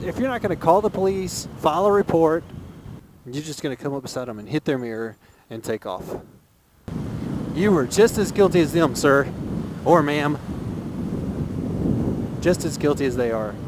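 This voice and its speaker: With loud wind and engine noise around him, a motovlogger from Texas speaks into his helmet microphone at normal speed, his voice on the high side with lively intonation and long pauses. He rides while offering casual, earnest opinions, repeating phrases for emphasis.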